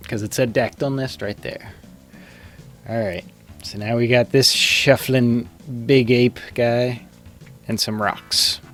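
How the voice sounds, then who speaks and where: A man's voice: mid-range voice, fairly bright tone. A man giving casual, rambling live commentary as he plays a video game, thinking aloud.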